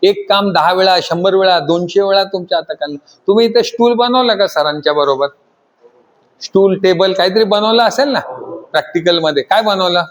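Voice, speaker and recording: Male instructor, high voice, quizzing students in a training classroom. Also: normal speed. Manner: asks the class constant questions and pushes them to answer louder. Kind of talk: classroom lecture.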